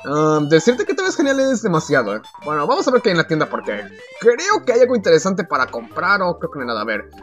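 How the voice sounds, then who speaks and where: A man's voice: fairly high pitch, huge pitch swings, fast talker, a bit bright, faint music behind. A man giving casual, crude and sarcastic commentary while playing a video game. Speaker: gameplay commentator.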